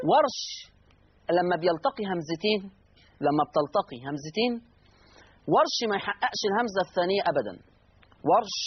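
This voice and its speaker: Egyptian male recitation teacher, rapid lesson delivery, repeats rules, slow recited words, husky tone. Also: high voice, muffled recording. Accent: Egyptian Arabic. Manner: repeats each rule, shifting into slow drawn-out recitation of verse words. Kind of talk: explanatory lesson on Quran reading rules.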